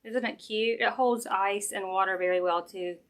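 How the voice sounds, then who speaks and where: Crafting live from home, a Southern American woman chats in a folksy way, talking straight to her viewers and thinking aloud as she works with her hands. Her mid-range voice is steady and moderately paced. A sensitive live-stream camera mic captures her, with a little hiss or hum.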